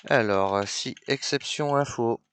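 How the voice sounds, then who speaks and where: A man giving a screen-recorded coding tutorial, thinking aloud in halting steps as he works. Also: medium pitch, a bit bright, smooth, no echo. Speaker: software trainer.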